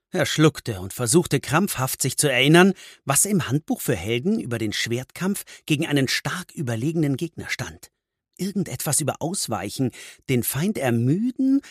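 A man narrates a storybook with a husky, slightly breathy voice. His pitch rises and falls lively through each sentence, and the sound is dry and close. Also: no echo. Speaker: audiobook narrator.

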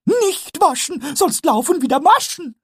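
Pumuckl, a squeaky little kobold. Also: male voice, sing-song, no echo, clean studio sound, heavily acted. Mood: gleeful. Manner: squeaky, rhyming, singsong and drawn-out. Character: cheeky little male kobold, mischievous and gleeful. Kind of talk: storybook reading.

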